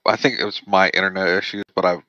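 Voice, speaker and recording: A man's voice: deep voice, steady tone, quick pace, sharp tone, no room sound, highs cut off. A man playing in a tabletop game, making short matter-of-fact remarks over an online call. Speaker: player. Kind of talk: casual chat.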